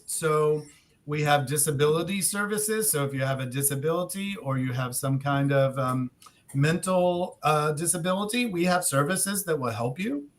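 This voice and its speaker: Lively high-voiced man presenting. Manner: animated, acts out dialogue. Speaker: university staff presenter. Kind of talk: online info session.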